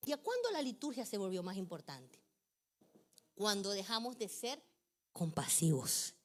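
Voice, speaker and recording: A middle-aged woman pastor preaching a sermon with passion, moving from hushed phrases up to near shouting. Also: mid-range voice, very animated, a little slow.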